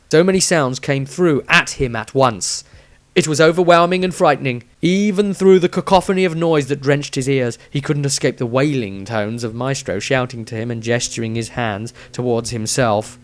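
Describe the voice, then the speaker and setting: A man with a mid-range voice reads a scripted fantasy adventure aloud like a storyteller, putting dramatic emphasis on the lines. It's audiobook narration with no room sound.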